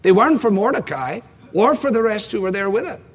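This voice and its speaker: A man's voice: high-pitched, sing-song, brisk, husky. A man preaching an expository sermon, emphatic, repeating key lines and asking rhetorical questions. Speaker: pastor. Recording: long reverb from a large hall.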